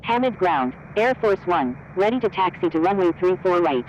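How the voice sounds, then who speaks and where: A man's voice: high voice, big pitch swings, normal speed, slight background noise. A man speaking as an airline pilot over a cockpit headset radio, reading back instructions in clipped aviation phraseology. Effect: pilot radio transmission from a cockpit headset. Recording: dull lo-fi radio transmission.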